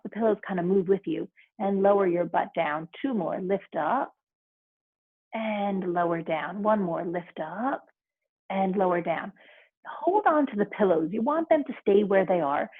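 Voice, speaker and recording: A woman teaching restorative yoga, giving soothing, unhurried step-by-step instructions. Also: mid-range voice, breathy edge, no room sound, phone-quality sound.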